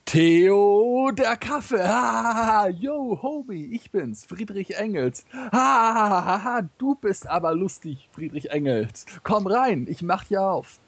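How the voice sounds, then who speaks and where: A man voicing a goofy, childish, excitable male buddy in a comedy story, with slangy bro talk and cackling laughs. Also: high voice, unhurried, few pauses, breathy edge, dry recording, full character voice. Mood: giddy.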